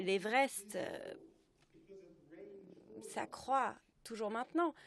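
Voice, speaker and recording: A woman delivers a live interpretation of a lecture at a middle pitch. Her phrasing is halting, and she corrects herself in mid-sentence as she follows the speaker. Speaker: simultaneous interpreter.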